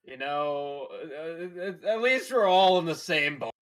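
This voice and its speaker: Male tabletop player, casual banter in a moderately high register. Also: animated, measured pace, fairly bright tone. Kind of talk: casual game chat.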